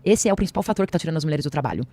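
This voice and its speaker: A woman's voice: low voice, lively intonation, racing, creaky, mellow, no echo. A woman arguing in a heated studio podcast debate, insistent and repeating her phrases with many fillers.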